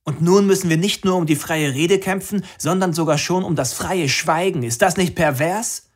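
A man's voice: a little high, moderate pace, pitched above the performer's own voice, natural voice. A man voicing a young woman activist who declaims an impassioned speech to a crowd from a rooftop.

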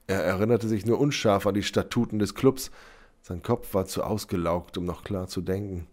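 Low-voiced man reading a story. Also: moderate pace. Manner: calm, even storytelling. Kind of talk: scripted narration.

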